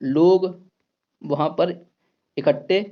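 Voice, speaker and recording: A man with a fairly high voice teaches an exam-prep grammar lesson. He repeats key words and asks and answers his own questions. The sound is dull and lo-fi. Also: fairly even intonation, drawn-out words.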